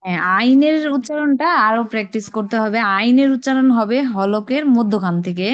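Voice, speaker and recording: In an online class, a woman teaches Arabic letter sounds, patiently repeating drills and encouraging her students. Her voice is a little high and fairly quick. The call microphone gives dull, lo-fi audio.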